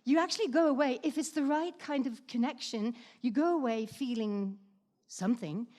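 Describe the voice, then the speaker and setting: A woman's voice: high voice, normal speed. Chatty woman giving a talk. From Norway. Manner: lively, chatty, with many fillers and asides to the audience. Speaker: speaker. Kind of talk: conference talk. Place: stage before a live audience.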